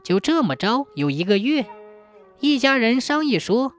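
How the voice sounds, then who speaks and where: A woman narrating a folk tale in a plain, steady way. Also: fairly high pitch, moderate pace, soft background music. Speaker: storyteller.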